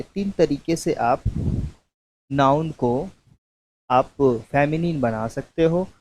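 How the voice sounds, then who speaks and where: A male teacher dictating a grammar lesson at an unhurried, drawn-out pace. He repeats each term patiently for his students, slipping English terms into his explanation. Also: medium pitch, a little mellow, slight background noise, rough recording. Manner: slow, repetitive dictation, mixing English terms into Hindi; calls students "babu".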